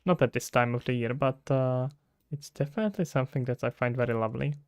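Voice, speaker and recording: Speaking quickly in a clean, mid-range voice, a Czech-accented man from the Czech Republic chats casually on a live stream while developing a game. He thinks out loud and responds to chat questions, and the recording is dry.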